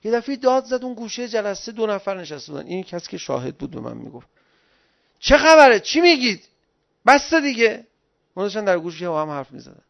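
A middle-aged man giving an animated, pleading religious talk in the style of a sermon, recorded on dull lo-fi audio. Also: high voice, creaky, hardly any pauses. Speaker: religious lecturer.

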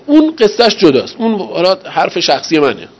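Lecturing man, questions to class. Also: husky. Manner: asks rhetorical questions and answers them himself; lively pitch and loudness, slows for emphasis. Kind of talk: university lecture on rhetoric. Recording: slightly dull, faint ambient noise.

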